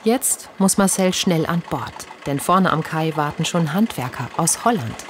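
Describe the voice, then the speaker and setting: A woman reading the scripted narration of a television documentary in a calm, even way. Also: low-pitched, unhurried, noisy background.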